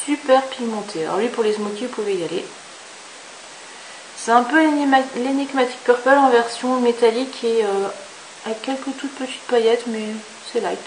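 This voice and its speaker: A woman's voice: a little high, moderate pace. A woman chatting enthusiastically through a makeup review, with many fillers and asides. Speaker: beauty vlogger. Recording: echoey room with faint hiss.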